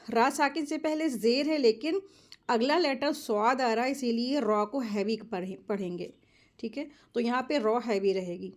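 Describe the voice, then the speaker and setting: A woman teaches Quran recitation step by step, explaining each rule quickly and then reciting words slowly as examples. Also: on the high side. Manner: slow, drawn-out model recitations between quick explanations. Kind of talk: step-by-step tajweed lesson.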